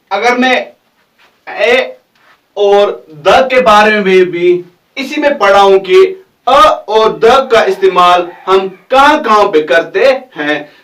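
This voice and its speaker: A male teacher explaining grammar to students slowly, repeating words and spelling letters out. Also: high voice, a bit bright, far from the mic. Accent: Hindustani. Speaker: English teacher. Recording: echoey room, off the mic.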